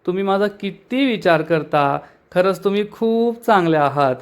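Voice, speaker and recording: A man reading out the lines of a tipsy young woman at a party, in his own narrating voice and a little high-pitched. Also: expressive, normal speed, smooth. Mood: gushing.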